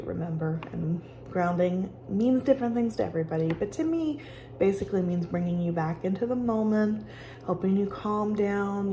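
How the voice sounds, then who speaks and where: A woman giving casual, conversational instruction as she guides a calming exercise with personal examples. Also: fairly low pitch, a little hiss or hum. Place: office with sound machines nearby.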